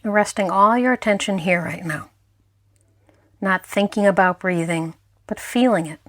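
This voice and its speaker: A female mindfulness teacher leads a guided meditation, speaking gently and without hurry and pausing between phrases. Her pitch sits in the middle range, and the recording has no echo.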